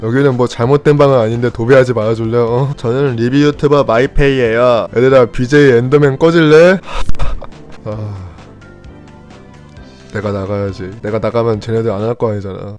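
A man's voice: medium pitch, darkish tone. A young man, a gaming YouTuber, chatting and teasing his viewers while commenting on his gameplay.

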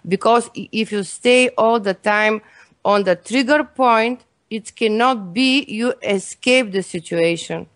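A woman's voice: medium pitch, slow pace, no room sound. A Bulgarian woman, a guest health expert, earnestly explaining her views in English with non-native grammar and a Bulgarian accent. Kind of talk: interview answers.

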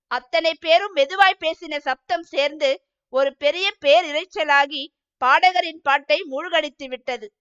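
A woman narrating an audiobook with steady storytelling. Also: sits high, no room sound, lo-fi sound. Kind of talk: scripted narration.

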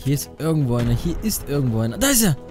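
A young adult man hosting a gaming video, talking casually and playfully in youth slang with an excitable manner. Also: mid-range voice, racing. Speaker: gaming video creator and host. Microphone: studio condenser microphone up close. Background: faint music.

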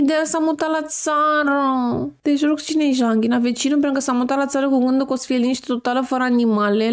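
Woman streamer with a high voice, reads submitted stories and reacts with lively outrage and humor. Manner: expressive, reacts with outrage and humor, mixes in English phrases. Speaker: streamer reading viewer stories. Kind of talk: reading stories aloud with casual commentary.

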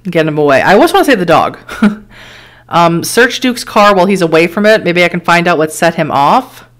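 A woman streamer reading an interactive horror story aloud, with quick surprised asides and laughs as she weighs each choice. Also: lowish voice, lively intonation.

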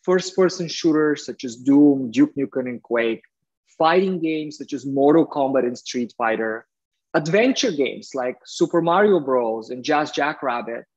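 A middle-aged man from Bulgaria gives a friendly, earnest talk over a video call, often pausing on "uh" fillers. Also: fairly high pitch, slightly rough. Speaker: guest speaker, entrepreneur. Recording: dull, lo-fi video call audio.

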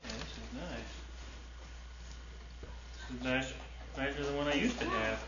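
A husband excitedly exclaiming over his gifts in casual family chat, heard on an old VHS home video. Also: mid-range voice, unhurried. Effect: old VHS home video recording. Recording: roomy, hissy, dull old VHS tape.

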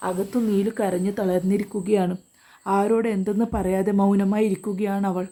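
A woman storyteller reading a serialized family drama aloud in a steady narrating voice. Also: medium pitch, moderate pace.

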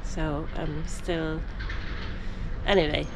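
Woman trucker in her 40s chatting slow from the cab, loud engine rumble behind her. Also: level tone. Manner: slow, thinking aloud with fillers and restarts. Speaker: truck driver vlogger. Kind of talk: casual vlog narration. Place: truck cab and outdoors at a port. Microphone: camera mounted in the cab. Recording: loud engine and road noise.

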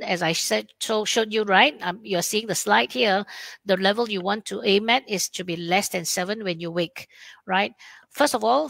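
A woman's voice: mid-range voice, vocal fry, fairly bright tone, no room sound. A woman endocrinologist with a Malaysian English accent answers webinar questions, explaining plainly and acting out what her patients say.

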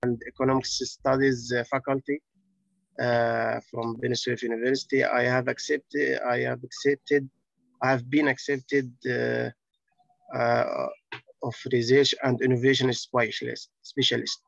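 A man from Egypt introducing himself on a video call, halting and restarting as he speaks. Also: mid-range voice, level tone, vocal fry, a bit bright, no room sound, highs cut off.

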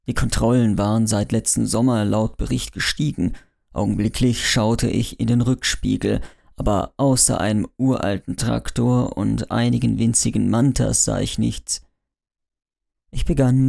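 Gravelly, dark-voiced male audiobook narrator. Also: mid-range voice. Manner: brooding, introspective. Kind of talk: first-person thriller audiobook narration.

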